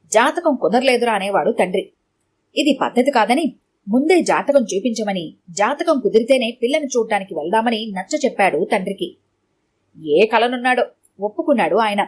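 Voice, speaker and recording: Female storyteller, fairly high voice, steady scripted story reading. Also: slight background noise.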